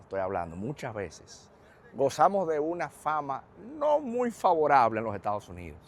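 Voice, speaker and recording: A man's voice: medium pitch, slight background noise. A man, a vlog host, talking thoughtfully to camera. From Dominican Republic. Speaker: vlogger host. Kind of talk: reflective talk to camera.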